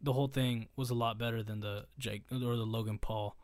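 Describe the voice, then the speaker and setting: A man's voice: mid-range voice, fairly even intonation, brisk, no echo. A young man in casual banter, giving blunt opinions in slang with emphatic swearing. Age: young adult.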